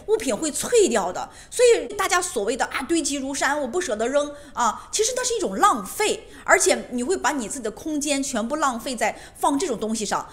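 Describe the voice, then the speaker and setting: A woman giving a casual monologue to camera at home, emphatic and repetitive, often asking rhetorical questions. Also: high voice. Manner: emphatic, repeats phrases, asks rhetorical questions. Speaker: lifestyle vlogger on decluttering. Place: her home.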